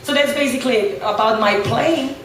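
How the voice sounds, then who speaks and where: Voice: medium pitch, normal speed, fairly bright tone. A blues guitarist from Serbia with a Serbian accent, speaking English as a second language, answering interview questions on a boat in a thoughtful way, with many fillers and restarts. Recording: echoey, far from the mic, faint noise.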